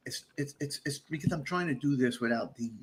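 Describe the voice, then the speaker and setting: A man hosting a casual live-stream chat, loud and animated, laughing often and rambling through shout-outs. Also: medium pitch, fairly quick. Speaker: podcast host.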